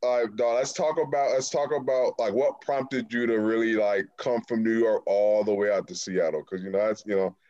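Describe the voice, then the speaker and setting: A man's voice: lowish voice, fairly even intonation, brisk, hardly any pauses, dark tone, dull audio. A man from New Jersey hosting a sports show, chatting casually with lots of slang and fillers. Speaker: show host, former player. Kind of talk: casual interview chat.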